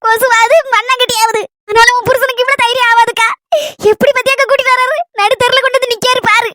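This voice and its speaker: A woman with a Kanyakumari Tamil accent, voicing a bossy, meddling village woman who eggs on her friend with rapid gossip. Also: very high-pitched, level tone, pushed and bright, a little hiss or hum. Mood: egging on.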